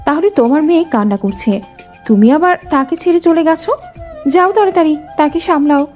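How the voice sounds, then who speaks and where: A woman's voice: high voice, fairly quick, a little mellow, faint music behind, pitched above the performer's own voice, close to an everyday voice. A woman voicing a reproachful young woman hurrying a father to his crying daughter, in an audio drama. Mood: urgent. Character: hurried scolding young woman at the door.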